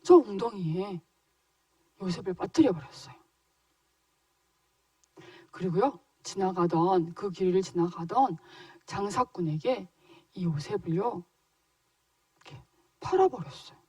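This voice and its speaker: A woman tells a Bible story to small children in an animated, questioning way, her pitch sitting in a middle range. The sound is dry, and she stands a little back from the mic. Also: measured pace, pauses often, dry recording, distant mic. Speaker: children's ministry teacher.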